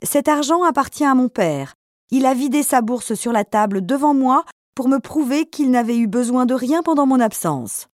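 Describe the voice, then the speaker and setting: A woman's voice: high voice, lively intonation, moderate pace, no room sound, clean studio sound, voice pushed up. A woman voicing an earnest, emotional young male sailor of twenty.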